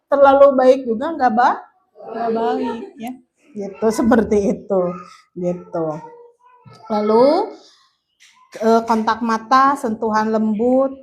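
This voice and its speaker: A young woman leads a relaxed parenting talk for parents. She keeps her voice fairly high and chatty, switches languages freely, and acts out quotes with quick laughs. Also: slight background noise. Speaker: parenting speaker at a parents' meeting.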